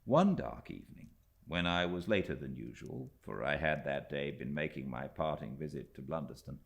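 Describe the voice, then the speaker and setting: A British audiobook narrator reads a classic novel in an extremely low voice with a gravelly creak. He delivers it in a measured, expressive way, using deliberate pauses to shape each phrase.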